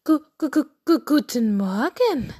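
A woman's voice: high voice, sing-song, unhurried, mellow, breathy edge, voice pushed up, heavily acted. A woman voicing a shy hen who stutters on her first sounds, in a storybook reading. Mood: shy stuttering.

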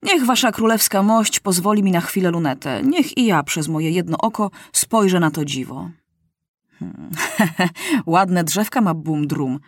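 A calm, one-eyed pilot who lost his legs, telling grim jokes in an even, deadpan way, as read by a woman. The voice sits low and close. It is a storybook reading in a dry room. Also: no echo. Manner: deadpan gallows humor. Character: legless one-eyed male pilot, calm, dryly joking.

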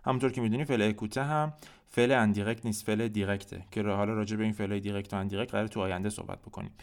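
Guy w a lowish voice teaching a podcast lesson, patient, drags out the example phrases slow. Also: steady tone. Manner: explains patiently, slows down to spell out French examples. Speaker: French teacher. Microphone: podcast microphone.

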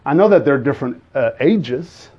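Speaking with lively intonation in a mid-range voice, this Azorean guest preacher, a native Portuguese speaker with a Portuguese accent, earnestly stumbles through a sermon, restarting often and posing questions to the congregation. The audio sounds dull.

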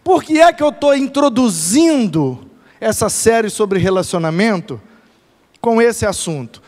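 A high-voiced man tells stories from the pulpit with a bouncing, animated delivery. His words ring out with a long echo in a church hall. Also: unhurried. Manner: animated storytelling with laughter. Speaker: preacher. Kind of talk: lively church talk. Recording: echoey hall reverb.

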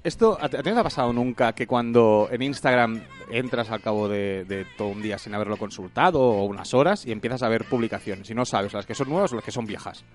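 A man's voice: mid-range voice, quick pace, hardly any pauses. A man, co-hosting a casual tech podcast and explaining features with lots of fillers. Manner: explains with many fillers and repeated words. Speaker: podcast co-host.

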